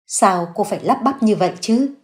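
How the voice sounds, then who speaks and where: A woman's voice: medium pitch, lively intonation, moderate pace, close to an everyday voice. A woman doing a stern old widow. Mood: suspicious. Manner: firm, cold, interrogating. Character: stern elderly widow, sharp and accusing.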